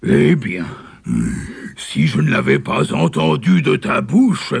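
Raspy husky tiger, sly and greedy, slow purring storybook villain. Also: male voice, low voice, huge pitch swings, dry recording, clean studio sound, heavily acted. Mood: mocking. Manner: purring, drawn-out, scheming. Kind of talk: storybook character voice.

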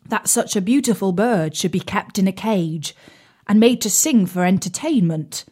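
A woman voicing a gentle female kettle who has a cold, speaking earnestly. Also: medium pitch, lively intonation, moderate pace, slightly rough.

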